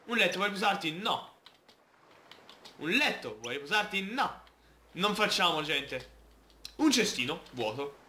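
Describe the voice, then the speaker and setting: A man's voice: high voice, big pitch swings, unhurried, long pauses, bright, forceful tone, roomy sound, slight background noise. A man playing a video game, chatting playfully and reading the game's text aloud. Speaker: gamer. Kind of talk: Let's Play commentary.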